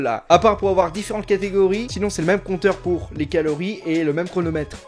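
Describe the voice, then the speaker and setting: This is a French man hosting a comedic tech review vlog. His voice sits high, and he mixes product details with crude, sarcastic jokes. Faint music plays under him. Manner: jokey, crude, sarcastic asides.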